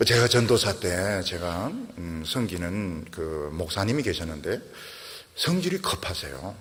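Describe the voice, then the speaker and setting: A middle-aged man preaching a sermon, telling the story in a lively way and acting out the quoted dialogue. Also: sits low, a little slow, big-room sound. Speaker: pastor.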